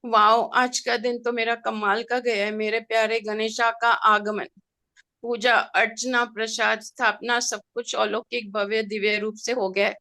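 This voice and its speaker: Middle-aged woman, higher voice, bright tone, heartfelt storytelling, expressive. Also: unhurried. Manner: expressive, heartfelt, mixes in English words. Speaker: participant sharing a personal experience. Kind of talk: emotional personal storytelling.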